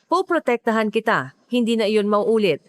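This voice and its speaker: Woman reading as a gentle, protective bookstore man. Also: a little high, normal speed, no echo, studio quality. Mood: caring. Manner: calm, protective, confiding. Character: gentle grieving bookstore owner, middle-aged man.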